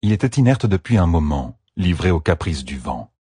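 Low husky guy reading a fantasy book, lively intonation, dry close sound. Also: no room sound. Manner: measured, expressive reading. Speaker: audiobook narrator. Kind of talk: scripted fantasy narration.

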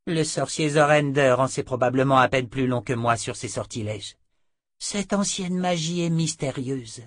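A somber sorceress lectures her emperor on death and danger, as a man reading the book puts her on. The voice sits noticeably higher than his narration, and the reading is dry and close, with no room sound. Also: normal speed, no room sound, close to an everyday voice. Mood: resigned. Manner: lecturing, grave. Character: weary sorceress sister, somber and grave.

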